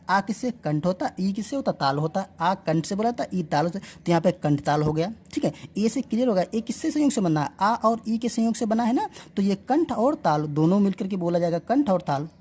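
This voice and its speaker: Speaking to viewers as if they were friends, a woman leads an exam-prep lesson, sounding out letters in drills and answering her own questions. Her voice is fairly low, mellow, and slightly rough.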